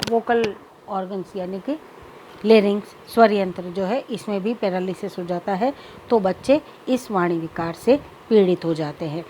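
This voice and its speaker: A woman lecturer explaining childhood speech disorders in a measured teaching manner, slipping English terms into her explanations. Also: mid-range voice, darkish tone, slight background noise, poor audio. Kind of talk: recorded lecture.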